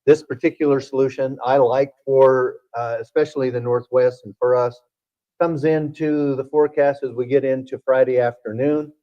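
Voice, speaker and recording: A man's voice: medium pitch, fairly even intonation, moderate pace, dark tone, lo-fi sound. A man working as a TV meteorologist, explaining the forecast in a folksy way with frequent fillers. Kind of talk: broadcast weather chat.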